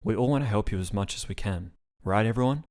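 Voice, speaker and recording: A man's voice: on the low side, fast talker, darkish tone, natural voice. A man reading the part of a confused, earnest male patient in a storybook reading. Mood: pleading.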